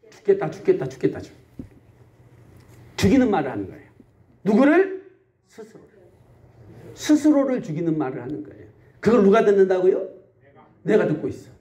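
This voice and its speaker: A male pastor preaches a Sunday sermon in a country church, posing questions to the congregation, answering them himself, and acting out everyday complaints in quotes. He has a high, mellow voice.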